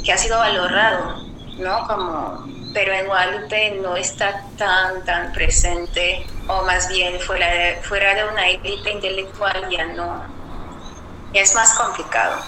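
Woman guest artist, slow hesitant speech, echoey room, noisy remote line. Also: mid-range voice. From Guadeloupe. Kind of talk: live radio conversation over a remote call.

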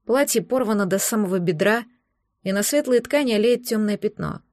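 A woman reading a first-person audiobook aloud, with expressive, emotional storytelling. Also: mid-range voice, fairly quick, no echo, studio quality. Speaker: audiobook narrator.

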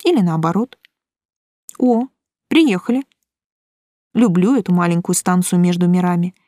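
A woman reading a first-person audiobook in a calm, dry, wry manner. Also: lowish voice, quick pace, no room sound. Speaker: audiobook narrator.

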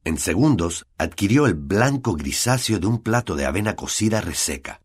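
A man with a Latin American Spanish accent narrating an audiobook in an expressive storytelling manner. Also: sits low, moderate pace, breathy edge.

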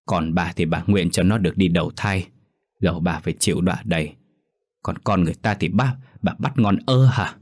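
A man's voice: sits low, fairly quick, husky. A man voicing an old village woman medium, grave and reproachful, in a ghost story.

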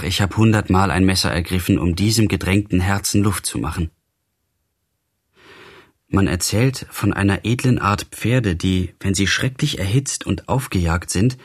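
Male audiobook reader, low husky voice, impassioned first-person narration. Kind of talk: literary audiobook reading.

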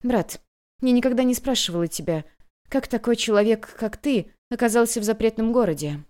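A woman voicing a proud, hot-tempered young palace maid who bursts out in shrill cries. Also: animated, brisk, a little mellow, natural voice. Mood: affectionate. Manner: shrill outbursts.

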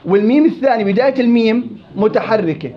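A high-voiced man runs a Quran recitation lesson at a fast clip, calling on his students by name. He moves quickly from question to question. The recording is dull and lo-fi. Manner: lively, quizzing students by name. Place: indoor study circle.

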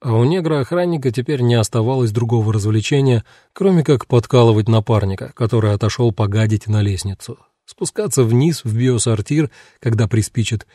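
Dark-voiced male audiobook narrator. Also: medium pitch, no echo, clean studio sound. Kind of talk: scripted narration.

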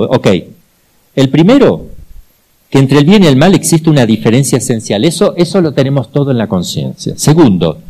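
Middle-aged Argentine male priest, mellow timbre, lively storyteller who repeats for emphasis. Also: mid-range voice, poor audio. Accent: Argentine Spanish. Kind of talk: teaching talk with personal anecdotes.

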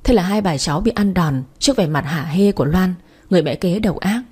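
A woman narrating a family drama story in a brisk, even storytelling manner. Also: fairly low pitch, breathy edge.

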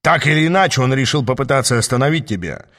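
A man voicing a cocky, scheming male demon who talks smoothly and haughtily in an audiobook. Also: medium pitch, animated, fast talker, a bit bright. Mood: persuasive. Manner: glib, persuasive, haughty. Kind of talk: audiobook character reading.

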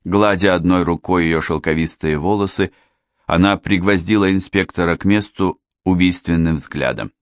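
A man reading a classic detective novel as an audiobook narrator, in a measured, even manner. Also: low voice, smooth, no room sound, studio quality. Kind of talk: scripted narration.

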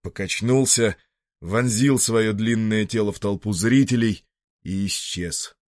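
Low-voiced man narrating a story. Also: unhurried, a little mellow, no room sound, clean studio sound.

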